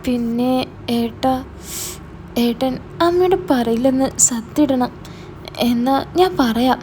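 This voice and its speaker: Woman playing a frightened teen sister, begging, hesitant, high and soft-toned. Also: slow pace, a little hiss or hum. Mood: pleading. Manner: hesitant, pleading. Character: scared teenage younger sister, pleading.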